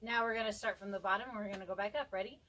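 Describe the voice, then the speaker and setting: A woman teacher leading a class through body and voice warm-ups in an upbeat, coaxing way. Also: mid-range voice, fairly even intonation, very fast, low-quality recording. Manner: upbeat, coaxing, counts aloud with energy. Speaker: music and theater teacher.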